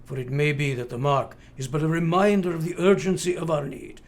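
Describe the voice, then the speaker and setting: In a radio play, an actor with a natural, rather high male voice portrays a grave, commanding elderly professor, delivering formal, old-fashioned lines deliberately and with urgency.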